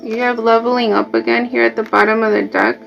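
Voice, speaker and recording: Brisk and gravelly, her voice sits on the high side with little pitch movement. She's a Mexican woman, a native Spanish speaker with a Mexican Spanish accent, doing a chatty live tarot reading full of asides. Faint music plays beneath the dull, lo-fi sound.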